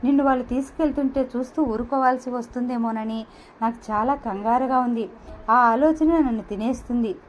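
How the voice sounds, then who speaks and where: A woman voicing a hurt, quick-tempered young woman in an audio novel, speaking in pleading and reproachful tones. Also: a little high, a little hiss or hum, natural voice, poor audio.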